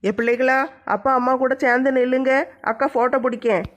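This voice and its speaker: A woman's voice: high voice, steady tone, fairly quick, lightly acted. A woman playing a bold, helpful young village woman in a family skit, cheerful and teasing.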